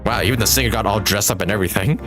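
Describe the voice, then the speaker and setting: Speaking very fast in a lowish voice, a male game streamer delivers casual, enthusiastic, rambling livestream commentary, swearing casually along the way. Game music plays in the background.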